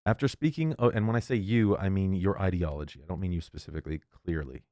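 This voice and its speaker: A man's voice: sits low, quick pace, warm tone, no room sound, clean studio sound. A man reading an article aloud and breaking off into heated, indignant commentary, often stumbling and restarting. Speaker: political commentator.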